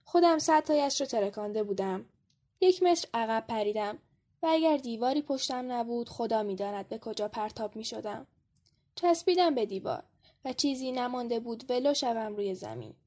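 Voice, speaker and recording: A woman on a podcast, reading a story aloud with steady first-person narration. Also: on the high side. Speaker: podcast co-host.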